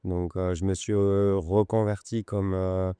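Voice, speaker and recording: A man in his forties from France with a Lyon accent, an interview guest telling his story in an unhurried, hesitant way. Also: sits low, flat delivery, dark tone, clean tone, dry recording. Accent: French, from Lyon. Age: 40s. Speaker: podcast guest, luxury goods broker. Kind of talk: conversational interview. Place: podcast studio.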